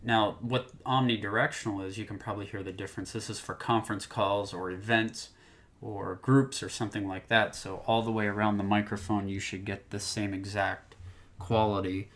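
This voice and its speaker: A man's voice: lowish voice, flat delivery, moderate pace, a bit bright. Easygoing man demoing a microphone. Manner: easygoing, rambling, lots of fillers. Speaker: tech reviewer. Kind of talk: casual product demo. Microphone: condenser desk microphone, distance changing.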